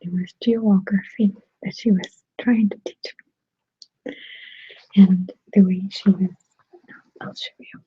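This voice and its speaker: Woman ASMR creator, slow whispered chat, close and dry. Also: medium pitch, fairly even intonation, husky, no echo. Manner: soft, unhurried storytelling. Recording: dry tinny phone-like sound.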